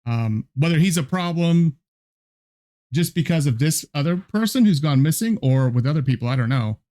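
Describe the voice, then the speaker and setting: A man's voice: fairly high pitch, animated, moderate pace, warm tone. Chatty man reacting casually. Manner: chatty, rambling, lots of fillers and asides. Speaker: reaction video host. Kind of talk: casual commentary reacting to a video.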